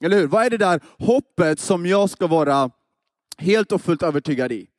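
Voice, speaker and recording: A young man preaching a sermon, telling a personal story with lively energy and often asking the congregation to agree. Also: high voice, no echo, clean studio sound. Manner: lively storytelling, asks the audience "eller hur?".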